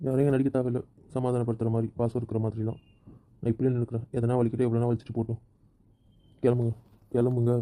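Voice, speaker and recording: A man's voice: mid-range voice, level tone, very fast, long pauses, dark tone, lightly acted. A man playing a hurt, sulking husband who stubbornly refuses to talk in a family skit. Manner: sulky, repetitive, stubborn.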